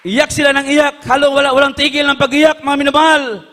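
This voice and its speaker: A man preaching a sermon, impassioned, swinging from hushed tones to shouts. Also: very high-pitched, little pitch movement, brisk, long reverb tail.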